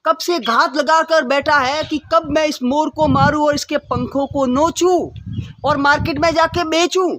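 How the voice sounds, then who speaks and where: A man doing a high, jittery peacock. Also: steady tone, a little slow, sharp tone, no room sound, heavily acted. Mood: fearful. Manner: tense, snapping. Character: scared, angry male peacock. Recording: noisy recording.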